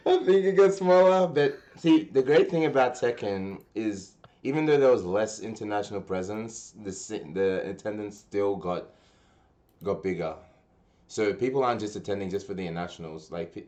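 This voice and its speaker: A man's voice: lowish voice, normal speed, darkish tone. A young man hosting a casual gaming podcast, rambling with lots of restarts and slang. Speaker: podcast host and tournament organizer. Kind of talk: casual chat.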